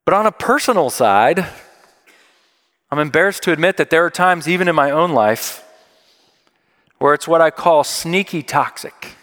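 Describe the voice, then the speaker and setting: A man's voice: a little high, lively intonation, normal speed, long pauses, a bit bright. A man preaching a sermon in a conversational, emphatic way, repeating key phrases for weight. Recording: long hall reverb.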